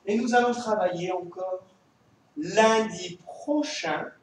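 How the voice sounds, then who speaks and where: A man's voice: high-pitched, slow, very echoey, recorded from a distance, slight background noise, rough recording. A man teaching a remote lesson to young children, with a French accent, talking in a patient, sing-song way. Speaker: kindergarten teacher.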